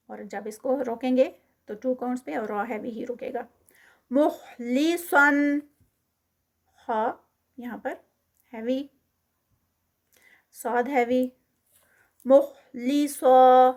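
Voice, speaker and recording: Woman, recitation teacher, fairly high voice, slow drawn-out model readings with quick quiet explanations. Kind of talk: recitation lesson, Urdu with English terms.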